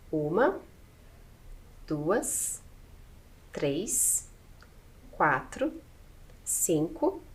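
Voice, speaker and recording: Speaking at a medium pitch, a Brazilian woman teaching a video lesson patiently goes through letters and syllables one by one, her accent Brazilian Portuguese.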